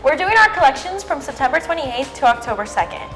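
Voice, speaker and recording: A teenage girl announcing on a school news show in a brisk, informative way. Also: high-pitched, very animated, fairly bright tone, soft background music, rough recording. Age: teens. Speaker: student announcer.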